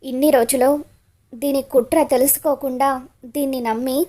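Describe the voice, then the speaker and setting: A woman voicing a furious young man who shouts his accusations. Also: sits high, steady tone, normal speed. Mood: angry accusing.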